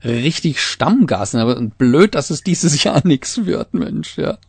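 A man's voice: fairly high pitch, very animated, slow, gravelly, breathy edge, no echo. A male radio show host interviewing a guest, friendly and affirming with frequent agreement sounds.

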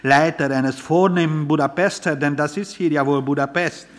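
A man's voice: medium pitch, measured pace, natural voice. A man voicing a pompous, theatrical middle-aged father with a Viennese accent, speaking in grandiloquent, blustering phrases. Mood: indignant bluster.

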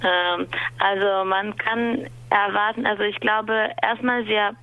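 Brazilian woman in her 20s, bit of vocal fry, laughs a lot, halting german. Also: mid-range voice, steady tone, phone-quality sound. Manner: laughs often, halting non-native German. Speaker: dance teacher, guest. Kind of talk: live interview over a call.

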